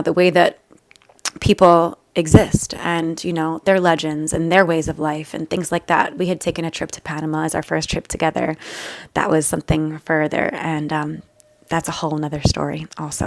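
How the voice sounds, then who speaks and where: A young woman talks to her viewers in a loose, rambling vlog, with lots of fillers and plenty of feeling. Her voice sits a little low for a woman. The recording is dry, with almost no room sound. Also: no echo. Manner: chatty, emotional, rambling with many fillers. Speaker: vlogger. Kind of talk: casual storytelling to camera.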